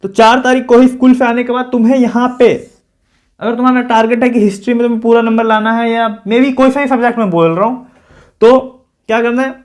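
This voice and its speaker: A young man talking straight to students in a casual, chatty way, giving study advice on his own channel and often repeating his points. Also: extremely high pitch. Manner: chatty, addresses viewers directly and repeats points.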